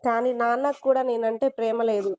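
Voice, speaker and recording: A calm, loving older man reassures his younger brother, as a woman storyteller reads him. The voice is fairly high and clean. He speaks gently throughout. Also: fairly quick, clean tone, lightly acted. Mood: tender.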